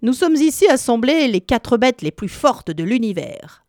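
A woman's voice: fairly high pitch, very animated, measured pace, a little mellow, no echo, clean studio sound, voice pushed up. A woman voicing a boastful male bear in a storybook who brags about being the strongest beast. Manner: boastful, pompous.

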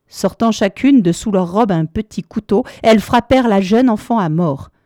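Female storyteller, mellow and measured, lilting delivery, dry booth sound. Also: mid-range voice, dry recording. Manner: measured, lilting, dramatic pauses. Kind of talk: storybook narration.

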